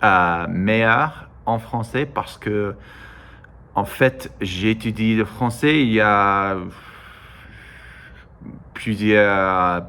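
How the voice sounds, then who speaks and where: A low-pitched American man vlogs casually in broken French as a native English speaker. His delivery is slow and halting, full of hesitations, repeated starts and self-corrections. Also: sharp tone. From United States. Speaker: vlogger. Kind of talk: casual monologue to camera.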